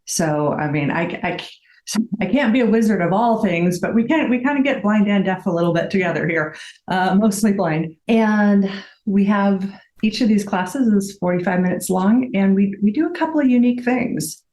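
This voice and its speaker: Woman, fitness founder, quick auctioneer-style patter, mid pitch, roomy sound. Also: a little mellow. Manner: rapid-fire talker who calls herself an auctioneer; upbeat, laughs often. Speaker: fitness company founder, podcast guest. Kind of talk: conversational interview. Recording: roomy echo.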